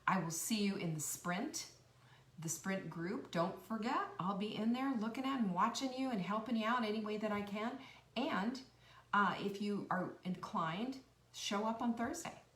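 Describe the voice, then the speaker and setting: A woman giving an earnest, encouraging motivational talk, repeating her key phrases with a preachy cadence and swinging from bright, high bursts down to soft near-whispers. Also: moderate pace. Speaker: host of a cooking and life-tips channel. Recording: roomy echo, a bit far from the mic.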